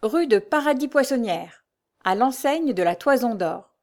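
A woman voicing a scheming Paris swindler who flatters with ingratiating politeness. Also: on the high side, a little slow, voice pushed up. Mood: obliging. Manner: ingratiating, obsequious. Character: scheming smooth-talking Paris swindler, middle-aged man.

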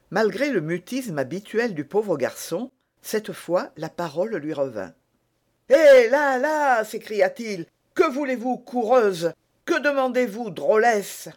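A man reading a novel aloud as narrator, slow and measured. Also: fairly high pitch, darkish tone. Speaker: audiobook narrator. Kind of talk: scripted narration.

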